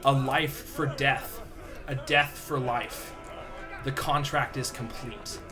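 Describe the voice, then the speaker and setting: A man voicing an ominous otherworldly being in a tabletop game, speaking slowly and solemnly as if sealing a contract of death. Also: mid-range voice, fairly even intonation, close to an everyday voice. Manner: slow, solemn, portentous. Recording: loud music behind the voice.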